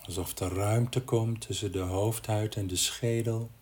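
Very slow, low-voiced male meditation guide. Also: fairly even intonation. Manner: gentle, unhurried, with long pauses. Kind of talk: guided body-scan meditation.

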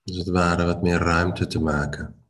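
A man with a very low-pitched voice guides a relaxation exercise. His intonation stays flat and steady, with little rise or fall. He is calm and unhurried, leaving pauses between short phrases as a meditation teacher would. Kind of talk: slow guided body-scan relaxation.

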